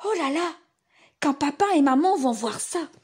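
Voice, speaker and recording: Woman playing a high-voiced storybook little boy, toddler-style. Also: lively intonation, normal speed, darkish tone. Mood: proud, delighted. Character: glum, stubborn little boy in a children's story.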